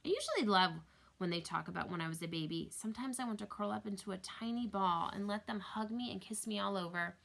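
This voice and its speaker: A young woman reads a children's novel aloud with a bright, clear tone and a touch of gravel at the ends of her phrases. She gives each character a lively voice of its own. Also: medium pitch, fast talker. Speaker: reader.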